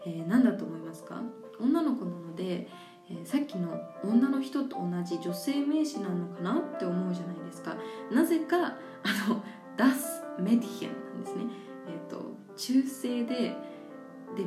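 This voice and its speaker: A woman's voice: medium pitch, roomy sound. A woman hosting a radio show, chatting casually and explaining things with lots of examples and easy laughter. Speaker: radio host. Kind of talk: casual radio talk about languages. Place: community radio studio. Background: faint guitar music.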